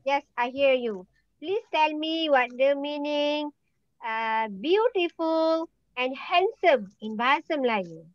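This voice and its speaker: A woman's voice: high-pitched, animated, slow pace, dry recording, muffled recording. A woman teacher, patiently calling on students by name during an online language class.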